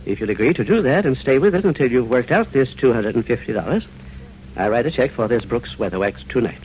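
Animated, crusty old grandfather played by a man. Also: mid-range voice, quick pace, natural voice, rough recording. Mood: stern. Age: older. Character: stern, wily old grandfather driving a hard bargain. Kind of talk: 1950s radio serial acting. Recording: old radio broadcast, faint noise.

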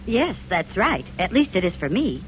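A woman plays a satisfied customer giving a chipper 1950s radio ad testimonial. The pitch moves in lively swings, over a faint hum. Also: moderate pace, close to an everyday voice. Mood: pleased, relieved. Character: relieved, satisfied customer in a cold-remedy commercial.

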